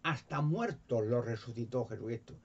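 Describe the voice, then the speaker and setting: A man's voice: mid-range voice, normal speed, a little mellow, breathy edge. A man with a Spain Spanish accent preaching informally, retelling Bible stories in a rambling, repetitive way with stammered restarts. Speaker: lay preacher. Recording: slightly dull with faint background noise.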